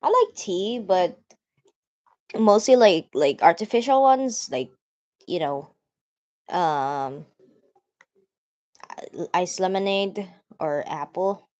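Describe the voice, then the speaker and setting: A woman's voice: lowish voice, slow pace, pauses often, darkish tone, lo-fi sound. A woman reading a visual novel aloud and commenting casually, swearing freely and rambling about being a culinary student.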